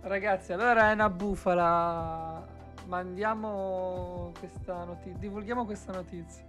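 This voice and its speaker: A woman's voice: fairly low pitch, fairly even intonation, unhurried, fairly bright tone. A young adult woman, chatting casually on a live stream in an emphatic, rambling way, repeating words for stress. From Carrara, Italy. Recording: background music behind voice. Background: music.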